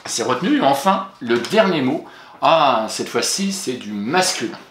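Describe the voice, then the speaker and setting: A man's voice: medium pitch, sing-song, a little slow, a bit bright, a little hiss or hum. Patient man teaching spelling, roomy sound. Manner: patient and encouraging, spells out letters. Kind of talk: spelling lesson for a young pupil. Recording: roomy echo.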